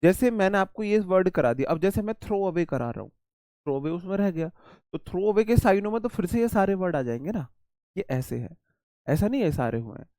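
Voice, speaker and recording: This man's voice sits high and has a dark tone, and he speaks animatedly and fairly quickly, with no echo. He's teaching English vocabulary in a live online class, chatting, repeating words, sharing memory tricks and answering questions from the chat.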